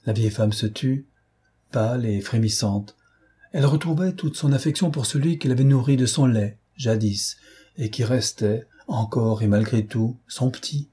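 A man narrating an audiobook in a measured, steady way. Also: medium pitch, slightly rough. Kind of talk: scripted narration.

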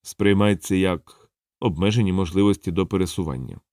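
A man voicing Death, a calm grim reaper who speaks slowly and matter-of-factly. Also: deep voice, no room sound, studio quality, voice pushed down. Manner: slow, flat, matter-of-fact.

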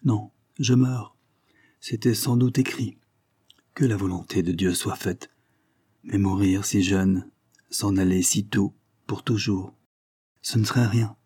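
A man's voice: lowish voice, steady tone, slow, long pauses, a little mellow, slightly rough, no echo, clean studio sound. A man reading the part of a dying young man, weak and mournful.

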